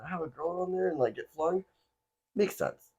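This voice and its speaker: A man from Florida hosting a casual podcast chat, animated and laughing, with lots of filler words. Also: fairly high pitch, moderate pace, vocal fry, husky, lo-fi sound. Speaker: podcast host.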